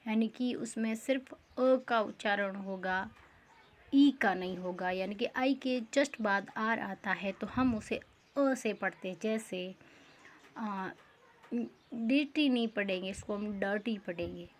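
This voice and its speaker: A woman's voice: medium pitch, measured pace. A woman teaching English pronunciation rules, repeating each rule and asking the class questions.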